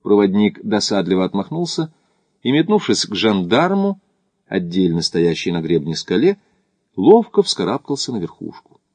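Expressive lower-voiced male audiobook narrator. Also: moderate pace, no room sound. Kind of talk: scripted narration.

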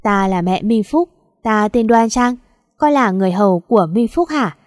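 A woman's voice: mid-range voice, normal speed, darkish tone, dry recording, studio quality, natural voice. A woman voicing a stylish, doting rich mother in her forties who gushes with cooing praise. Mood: gushing.

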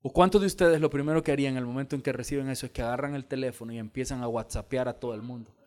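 A man preaching a sermon as pastor, telling stories and acting out the dialogue with lively energy. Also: medium pitch, very fast. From El Salvador. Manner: animated storytelling, acting out dialogue. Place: church hall.

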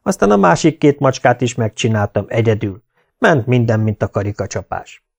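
A man voicing an excitable, self-assured male veterinary surgeon in an audiobook reading, with boastful, exclaiming delivery. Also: mid-range voice, gravelly. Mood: cheerful.

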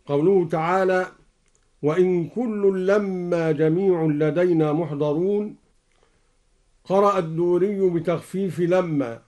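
A man explaining recitation variants in a measured religious lesson on a radio broadcast, speaking slowly and deliberately. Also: on the high side, darkish tone. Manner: slow, deliberate explanation between recited verses. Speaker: Quran radio scholar explaining readings. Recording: live broadcast from a Quran radio station.

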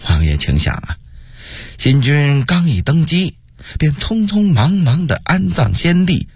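Man voicing a scheming old monk, slow persuasive delivery, husky, dry close sound. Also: fairly high pitch, big pitch swings, dry recording, voice pushed up, heavily acted. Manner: measured, persuasive, rhetorical questions. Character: shrewd scheming older male Buddhist monk advisor.

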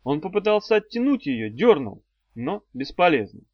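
A man narrating an audiobook in an even, measured storytelling manner, in a dry, slightly dull recording. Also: a little high, no room sound.

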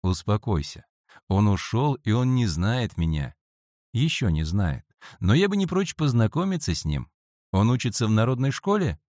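A man doing a calm, knowing schoolboy. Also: on the low side, moderate pace, no room sound, clean studio sound. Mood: soothing. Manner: calm, assured, gently persuasive. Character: calm, knowing older schoolboy, gently probing.

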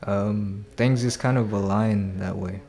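A man speaking as a musician guest in a casual interview, soft-spoken with brief answers. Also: lowish voice, fairly even intonation, measured pace.

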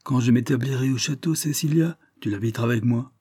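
A man voicing a reserved young lord who answers in short, quiet replies. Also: medium pitch, fast talker, breathy edge, no echo, studio quality, voice pushed up, lightly acted.

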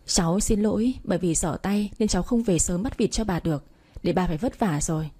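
A woman's voice: on the low side, brisk, warm tone, husky. A woman voicing a patient, polite young village man. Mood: weary. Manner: polite, apologetic, firm.

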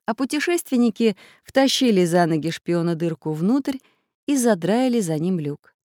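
Expressive woman reading a storybook. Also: on the low side, moderate pace, no room sound, studio quality. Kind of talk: storybook narration.

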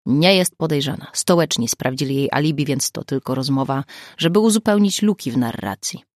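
A woman narrating a crime novel audiobook in a measured, even storytelling manner, close to the mic. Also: deep voice, no room sound. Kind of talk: scripted narration.

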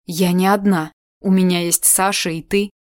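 A woman's voice: on the low side, steady tone, normal speed, no echo, clean studio sound, natural voice. A woman reading an audiobook voices a young woman who answers in short, subdued replies. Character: young woman, quiet and restrained in grief.

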